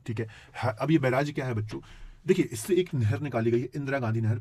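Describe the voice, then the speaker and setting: A man teaching geography for exam prep, who keeps asking his students rhetorical check-in questions and clears his throat now and then. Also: mid-range voice, a little mellow. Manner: addresses students as children.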